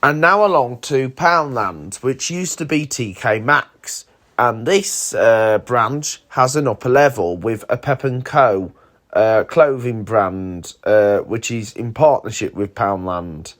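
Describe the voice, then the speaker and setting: Slow-talking man narrating casually. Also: mid-range voice, animated, a bit bright. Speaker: video host.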